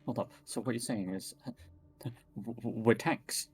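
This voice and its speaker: A man playing a tabletop game, chatting casually in a jokey, excitable manner. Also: mid-range voice, unhurried, soft background music. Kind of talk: casual joking chat.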